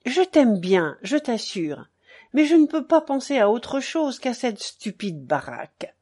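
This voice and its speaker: Brief: a woman voicing a troubled husband in an audiobook, urgent and cold by turns, slow and lively in pitch. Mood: worried pleading. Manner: urgent, pleading then cold. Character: worried, pressing married man in debt. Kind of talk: audiobook reading.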